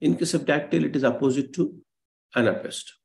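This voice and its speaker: A man's voice: fairly high pitch, normal speed, creaky, a little mellow. A male lecturer on a live online class, explaining patiently with many fillers and self-corrections over a video call.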